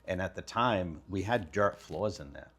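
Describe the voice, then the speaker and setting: A man's voice: low voice, animated, measured pace, fairly bright tone, breathy edge. A man in his fifties from Lebanon, a business owner, telling his life story casually and candidly with some slang. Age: 50s. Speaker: guest, kitchen design business owner.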